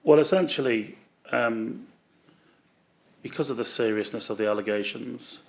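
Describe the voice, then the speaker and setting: Gravelly man giving halting testimony. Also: mid-range voice, a little mellow. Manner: halting, many fillers and restarts. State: voice going from flu. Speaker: witness at a public inquiry. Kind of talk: formal testimony.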